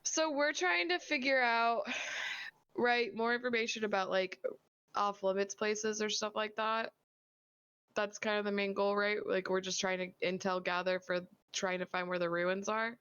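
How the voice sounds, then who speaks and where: Clear-voiced woman playing a tabletop game. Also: medium pitch, fairly even intonation, normal speed, fairly bright tone, muffled recording. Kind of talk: casual playful chat.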